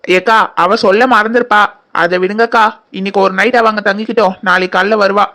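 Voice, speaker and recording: A woman doing a brisk, sleepy young wife. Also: medium pitch, fairly even intonation, bright, forceful tone, natural voice. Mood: brushing off. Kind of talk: cartoon voice acting.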